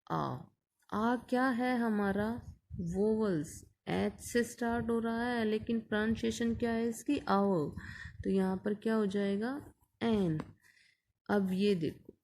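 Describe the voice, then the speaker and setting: A woman's voice: medium pitch, a little mellow. A woman teacher explaining an English grammar lesson patiently, asking questions and answering them herself.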